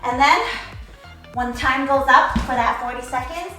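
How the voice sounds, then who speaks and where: A woman's voice: sits high, measured pace, pushed and bright. A woman coaching a workout in a casual demonstration, playfully talking in hyped gym-bro slang. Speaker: fitness coach and presenter. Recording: very echoey room, background music. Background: music.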